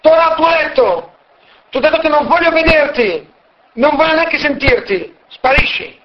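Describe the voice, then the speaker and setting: A man doing a rude shouting woodcutter. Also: sits high, expressive, slow, muffled recording, pitched above the performer's own voice. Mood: hostile. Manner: shouting and dismissive. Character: rough arrogant male woodcutter, gruff and hostile.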